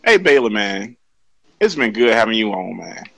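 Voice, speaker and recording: A man's voice: fairly low pitch, sing-song, normal speed, creaky, fairly bright tone, no room sound, low-quality recording. A man hosting a casual sports podcast, joking and swearing with a guest. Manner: profane, laughing, joking banter. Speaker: podcast host.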